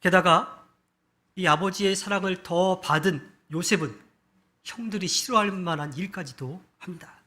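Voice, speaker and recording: Man, pastor, Sunday sermon, church hall, slightly high voice, bright tone, storytelling with shifting loudness and pace. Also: normal speed.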